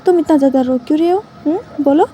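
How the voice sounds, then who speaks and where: A woman voicing a calm, reassuring husband and father in a storybook read-aloud, with a soothing manner. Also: high voice, fast, lo-fi sound, slight background noise, natural voice. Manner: gentle, soothing.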